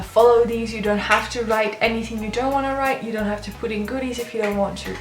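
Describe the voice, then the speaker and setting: A woman's voice: a little high, roomy sound. A woman chatting casually as she hosts a how-to vlog, her speech slightly off from a swollen jaw. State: swollen jaw after wisdom teeth removal, speech slightly impeded. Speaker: letter-writing blogger and video host.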